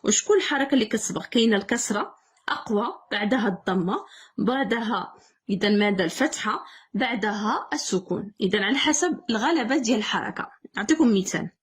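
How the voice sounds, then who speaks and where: A woman's voice: medium pitch, animated, fast, breathy edge. A young woman with a Moroccan accent, correcting an exam as a teacher, repeating key words and answering her own questions.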